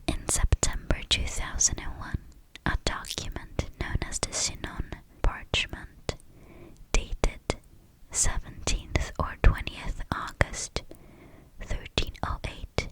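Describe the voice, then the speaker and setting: A woman whispers an ASMR reading of a history text in a measured way, close into the listener's left and right ears. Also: poor audio. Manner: slow, measured scripted reading. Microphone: close-up stereo microphone.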